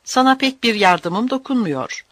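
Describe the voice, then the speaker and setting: A narrator voicing Orlando, a young man weakened by fever who speaks in a quiet, brooding way, in an audiobook. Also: medium pitch, expressive, a little slow, dry recording, voice pushed up. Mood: doubtful.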